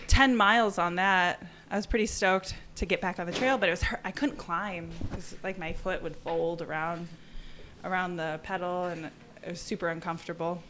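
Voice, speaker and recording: A young adult woman with a mid-range voice is a podcast guest and endurance cyclist, telling a story casually and animatedly acting out quoted exchanges. She's indoors in an office, with a little hiss or hum on the recording.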